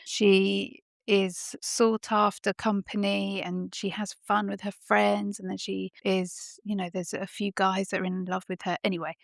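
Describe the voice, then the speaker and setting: A woman delivers a motivational podcast monologue, firing off emphatic rhetorical questions. Her voice has a gravelly, creaky edge. The recording is dry and close, with no room sound. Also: medium pitch, little pitch movement, a little slow, few pauses, no room sound. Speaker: podcast host.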